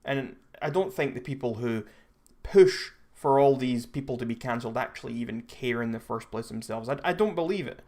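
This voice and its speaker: A man's voice: mid-range voice, lively intonation, a little fast, darkish tone. A young Scottish man hosting a live stream, chatting casually and rambling with frequent restarts and self-corrections. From Scotland. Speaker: livestream host.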